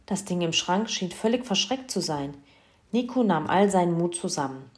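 A woman reading a children's Christmas story aloud in a lively, expressive way. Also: on the low side, moderate pace.

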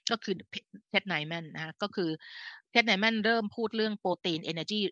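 Bright-voiced woman, chatty health talk. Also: mid-range voice, moderate pace, no echo, muffled recording. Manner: chatty, with frequent self-corrections and fillers; speaks to listeners as an older sister. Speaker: health educator hosting a live stream. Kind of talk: casual explanatory live talk.

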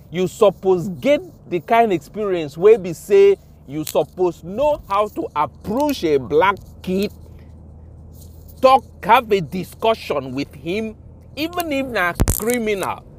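A man with a Nigerian accent, mixing Pidgin and English in an indignant, impassioned vlog rant, swearing and repeating himself for emphasis. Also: high-pitched. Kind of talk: ranting vlog monologue.

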